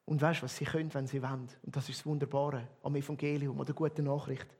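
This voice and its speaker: Swiss German pastor preaching with emphatic swings. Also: male voice, medium pitch, level tone, quick pace, husky. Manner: emphatic, swinging between loud stresses and quiet drops. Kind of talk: sermon.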